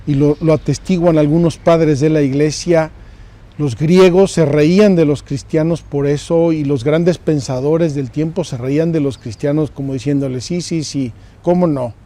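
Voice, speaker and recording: A man's voice: a little high, normal speed, dark tone. A man preaching a sermon as a priest, earnest and emphatic, repeating his phrases. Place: pilgrimage site.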